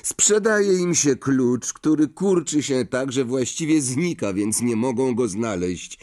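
A man's voice: mid-range voice, lively intonation, takes it slowly, warm tone, voice pushed up. A man voicing a weary, kindly wizard father. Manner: weary, chatty, nervous. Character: thin, balding, tired, kindly wizard father.

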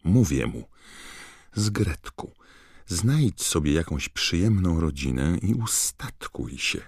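A man voicing a timid, servile female house-elf in an audiobook, with a high, trembling squeak and constant deference. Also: sing-song, slow pace, husky, no room sound, clean studio sound, full character voice. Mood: fretful, disapproving. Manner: servile, calls everyone sir. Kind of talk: audiobook character voice.

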